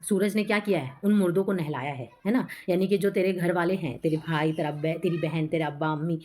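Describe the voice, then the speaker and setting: A woman teaching a poem to students, explaining each line slowly in a voice with inflection, often adding "hai na" and repeating herself. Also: on the low side, darkish tone.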